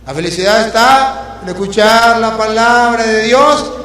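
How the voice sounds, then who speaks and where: A priest preaching a sermon, emphatic and dramatic, firing off rhetorical questions and reciting verse with feeling. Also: male voice, very high-pitched, measured pace, sharp tone. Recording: very echoey hall with faint hum.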